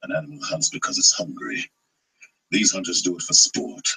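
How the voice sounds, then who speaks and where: A man voicing a grim, bitter male creature in an animated series, with a gravelly, dramatic delivery. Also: rumbling low, moderate pace, exaggerated voice, rough recording. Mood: grim bitterness.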